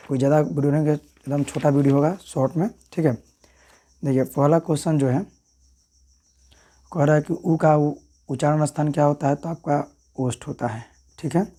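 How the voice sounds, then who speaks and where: A man's voice: a little high, warm tone. A man, talking through exam answers as a teacher in a casual way and often checking in with "thik hai" and "right".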